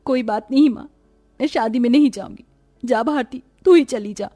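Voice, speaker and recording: A woman voicing a kind, patient elder sister in a storybook, earnest and gentle. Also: a little high, normal speed, dry recording, soft background music, lightly acted. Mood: resigned. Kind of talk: storybook voice acting.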